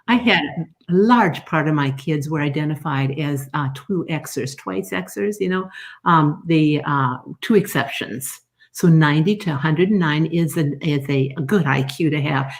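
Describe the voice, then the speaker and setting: An older woman, a learning specialist, talking in a live interview and acting out lessons as she explains. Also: low voice. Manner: animated storytelling, acts out teacher and child sounding out words. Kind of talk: live expo video interview.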